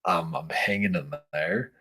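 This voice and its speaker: A man running a tabletop game, narrating and chatting casually in halting, hesitant phrases. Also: deep voice, bright, forceful tone, a little hiss or hum. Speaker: game master.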